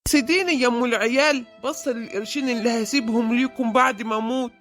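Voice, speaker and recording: A woman's voice: fairly high pitch, fairly bright tone, soft background music, lightly acted. A woman voicing a stingy grumbling Egyptian husband. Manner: scolding, quick and exasperated. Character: stingy grumbling middle-aged husband, man. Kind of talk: cartoon voice acting.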